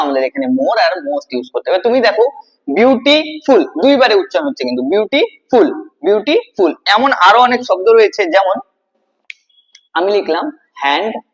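A man's voice: sits high, highs cut off. A man teaching an English grammar lesson to students, asking questions and then answering them himself, repeating key words. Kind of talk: classroom-style video lesson.

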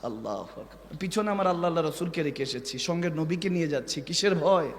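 Fervent high-voiced male preacher in a hall. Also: lively intonation, quick pace. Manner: impassioned, swings from soaring shouts to hushed asides; rhythmic repetition, asks the crowd for replies. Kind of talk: Islamic sermon.

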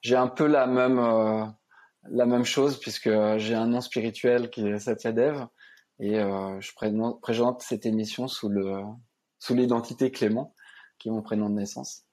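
A man hosting an interview over a video call, speaking with halting phrasing and fillers. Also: medium pitch, fairly even intonation, a little mellow. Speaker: host. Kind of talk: casual interview talk. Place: indoors room. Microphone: video call with earphones.

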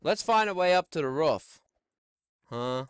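A middle-aged man doing Let's Play commentary on a headset mic in a small home room, exclaiming and shouting as he plays. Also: on the high side, measured pace, smooth, dry recording, studio quality. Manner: excitable, exclaims and shouts while playing. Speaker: gaming YouTuber.

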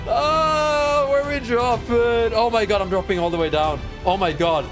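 A young man with a notably high voice gives jumpy, panicky live game commentary, yelping and crying out as he plays. Soft music runs faintly underneath. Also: a little fast. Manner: excitable, panicky, yelps and shouts in alarm. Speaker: gaming channel host.

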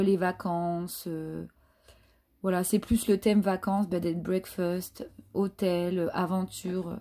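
In a mid-range, dark-toned voice, a craft vlogger casually shows off her craft haul. Her speech is hesitant and peppered with fillers.

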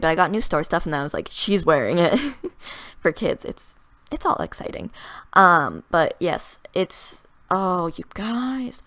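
Young female vlogger, low-ish voice, dry throat, rambling giggly voice-over, dead-dry close mic. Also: no echo. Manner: fast, rambling, giggly, excitable. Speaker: gaming YouTuber narrating a speed build. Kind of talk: casual voice-over chat.

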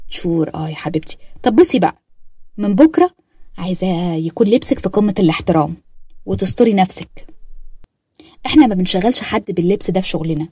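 A woman's voice: lowish voice, animated, quick pace, long pauses, warm tone, husky. A woman with an Egyptian accent voicing a jealous young wife who scolds sarcastically. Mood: scolding. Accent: Egyptian Arabic.

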